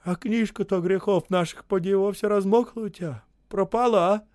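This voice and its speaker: A man voicing a bold, cheerful older workman who hollers orders and rough scolding. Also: high-pitched, normal speed, no room sound, clean studio sound, pitched above the performer's own voice, lightly acted. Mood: gruff joking.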